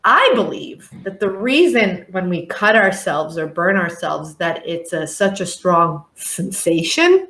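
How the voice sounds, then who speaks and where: A woman's voice: lowish voice, sing-song, unhurried, hardly any pauses, a bit bright, roomy sound. A woman speaking as a life coach guest on a podcast, earnest and reflective. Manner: earnest, reflective, acts out clients' voices. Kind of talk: podcast interview talk.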